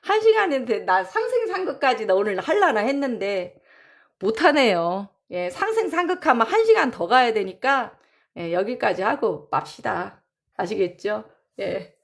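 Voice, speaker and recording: A woman's voice: fairly high pitch, sing-song, creaky. A woman teaching a class in a casual lecture style, drawing out terms and repeating them as she counts and writes. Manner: drawn-out, repeats terms while counting and writing. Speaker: saju teacher.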